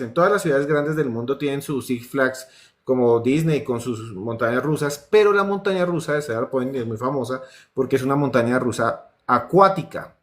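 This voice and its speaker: A man with a Colombian accent, a horror writer telling urban legends on a talk show and acting out the voices of the people in them. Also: medium pitch. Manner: animated storyteller acting out voices and screams.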